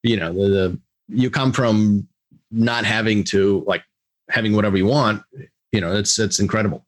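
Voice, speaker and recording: A middle-aged man who grew up in Russia, a podcast guest and executive coach, answering questions in a casual, halting way with animated bursts. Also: lowish voice.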